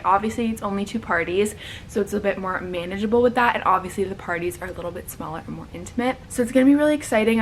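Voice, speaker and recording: A woman's voice: medium pitch, slight background noise, rough recording. A young adult woman giving casual Q&A advice to viewers in a bubbly, chatty sorority-girl way, saying "like" often. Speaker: sorority recruitment vlogger.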